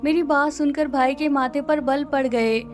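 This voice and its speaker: High-voiced woman narrating a sad story. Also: steady tone, moderate pace, faint music behind. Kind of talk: scripted first-person story narration.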